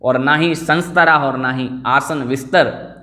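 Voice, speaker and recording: A man leads an online scripture class and explains every verse in detail. He talks very slowly and carefully, going over the pronunciation one word at a time, in an even middle voice. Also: medium pitch. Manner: slow, deliberate explaining, drills pronunciation word by word. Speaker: scripture teacher.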